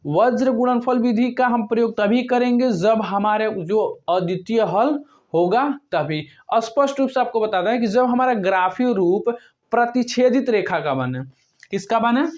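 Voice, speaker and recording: A math teacher working step by step through a problem, asking questions and answering them himself, with long pauses between words. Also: mid-range voice, animated, darkish tone. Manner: asks and answers own questions. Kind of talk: step-by-step whiteboard lesson. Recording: dull lo-fi recording.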